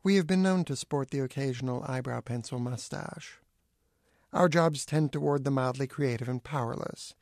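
A middle-aged man reading his own essay aloud with acerbic, deadpan wit. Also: medium pitch, moderate pace, vocal fry, no room sound, clean studio sound. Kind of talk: dry witty essay reading.

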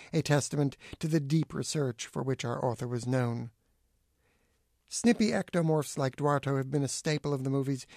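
Brief: middle-aged male author, dry acerbic essay reading, gravelly edges, dead close dry mic. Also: medium pitch, no echo. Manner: acerbic, deadpan wit.

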